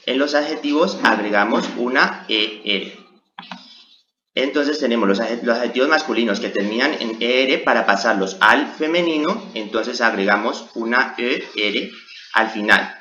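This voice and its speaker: A man's voice: mid-range voice, bright, forceful tone, a little hiss or hum. A man teaching French grammar in a methodical way, often starting with "entonces". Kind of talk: slow explanatory language lesson. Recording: roomy, slightly dull recording.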